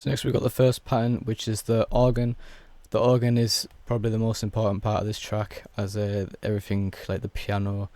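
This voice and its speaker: A young music producer with a hoarse, flat, low voice gives a casual software tutorial, clearly losing his voice. He talks a little fast with few pauses, laid-back and step by step, using lots of fillers. There's no room sound.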